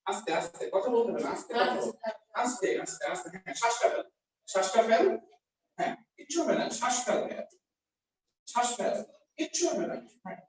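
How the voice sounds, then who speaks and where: A man playing a young man who tends a friend in distress. He sounds urgent at first, then talks calmly, coaching the friend to breathe slowly. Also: extremely high pitch. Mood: soothing. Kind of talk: amateur short-film acting. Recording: very echoey room, voice far from mic, faint noise.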